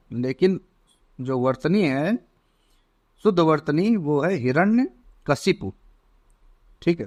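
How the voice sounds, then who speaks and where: A man teaching an exam prep lesson, slowly spelling out words one by one. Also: a little high.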